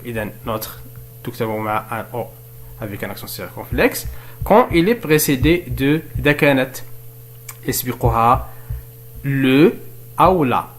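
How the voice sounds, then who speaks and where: In a mid-range, expressive voice, a man explains French spelling in another language, going step by step. He quizzes himself aloud, supplies the answers, and dictates sample words slowly.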